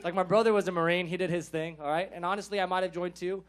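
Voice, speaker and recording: A man's voice: high voice, fairly even intonation, fast talker. A man from California with an American accent doing a stand-up set in a casual, slangy way, laughing often. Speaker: stand-up comedian.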